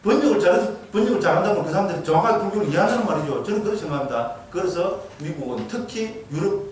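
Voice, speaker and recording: Rapid-fire and animated, this high-sitting male voice comes from a Gyeongsang-accented monk delivering a dharma lecture. He keeps posing questions to listeners and checking in with "geujyo?" The recording, made far off in an echoey temple lecture hall, carries a little hiss or hum.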